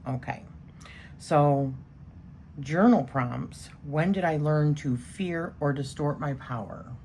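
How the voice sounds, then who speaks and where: A tarot reader with a strong voice chats casually through a spread, rambling a little with lots of fillers. Her voice sits low and is slow and a little mellow, with slight background noise.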